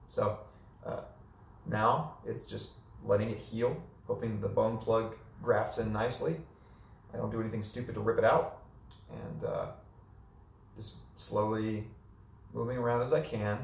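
A young male vlogger with a hoarse, gravelly, lowish voice gives a casual update on his recovery, relaxed and chatty and full of fillers. He's in a small, echoey living room, filmed by a camera a few meters away, so he sounds far from the mic.

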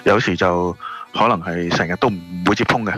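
A shop owner with a Hong Kong Cantonese accent appears as a radio interview guest, chatting casually and explaining things. His low voice is fairly quick, a bit bright, and breathy-edged, with background music playing behind it.

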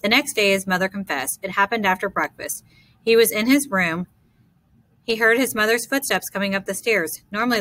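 A woman narrating a novel chapter for an audiobook in steady, measured storytelling. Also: medium pitch. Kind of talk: scripted narration.

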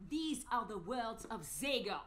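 A stern commanding overseer. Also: female voice, a little high, sing-song, a little slow, crowd noise. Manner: commanding, harsh. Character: stern female overseer interrogating a girl.

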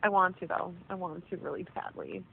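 A woman with a lowish, slightly rough voice, vocal fry and a sing-song lilt talks a little fast. She's calling on a jail phone line for a casual chat, swearing frequently, and the narrowband telephone audio is noisy.

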